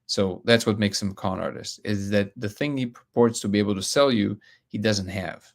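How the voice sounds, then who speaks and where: A man's voice: lowish voice, moderate pace, creaky. A man from Russia hosting a live stream, reading comments aloud and talking bluntly with frequent restarts.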